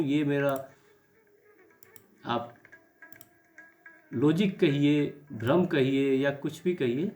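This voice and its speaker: Male trading teacher, hoarse and throat-clearing, slightly raised pitch, soft music bed. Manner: reflective, repeats key words. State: sore throat. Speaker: stock market trading educator. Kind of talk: chart analysis lesson.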